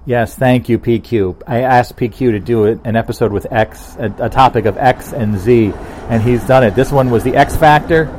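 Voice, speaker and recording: A man's voice: mid-range voice, a little mellow, a little hiss or hum. A man hosting a podcast solo in a casual, rambling style, with emphatic bursts and trailing asides. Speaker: host of a radio-style podcast.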